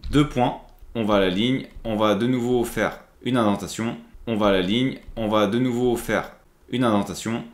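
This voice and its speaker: A man's voice: fairly low pitch, reverberant. A man with a French accent giving a step-by-step screen-recorded tech tutorial, talking through each action with frequent hesitations. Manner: explanatory, many "euh" fillers, steady step-by-step. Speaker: tutorial presenter.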